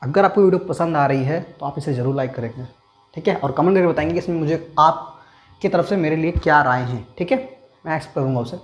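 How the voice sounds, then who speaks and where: A man's voice: a little high, faint music behind. Male teacher quizzing his listeners. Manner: asks rhetorical questions and answers them himself; repeats key terms slowly for emphasis. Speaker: English grammar teacher. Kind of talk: explanatory online lesson.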